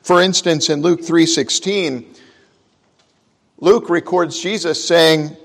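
A man preaching a sermon and leading prayer at a pulpit microphone, speaking in an unhurried, conversational way with frequent fillers. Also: fairly high pitch, steady tone, a bit bright. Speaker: pastor. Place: church sanctuary. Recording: long church reverb.

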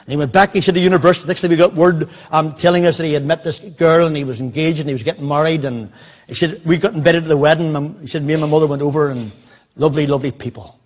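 A man's voice: on the high side, steady tone, quick pace. An older man, telling a personal story in a sermon and quoting the people in it. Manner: anecdotal, quoting others in dialogue. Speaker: preacher.

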